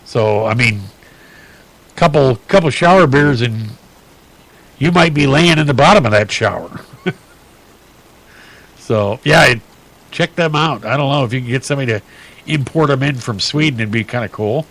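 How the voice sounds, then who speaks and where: A man hosting a radio talk show, reading odd news stories aloud in a chatty, halting way with many fillers and restarts. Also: medium pitch, a bit bright, rough recording.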